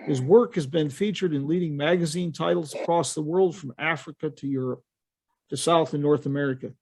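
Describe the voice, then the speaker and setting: A man's voice: fairly high pitch, fairly quick, vocal fry, a little mellow. A man hosting a conference, reading a speaker's biography in a formal introduction. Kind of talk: read introduction.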